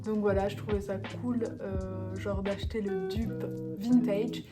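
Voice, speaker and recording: A woman's voice: mid-range voice, flat delivery, a little slow. A young woman chatting casually at home in a vlog, upbeat and full of fillers. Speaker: vlogger. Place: home rooms, indoors. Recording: loud background music.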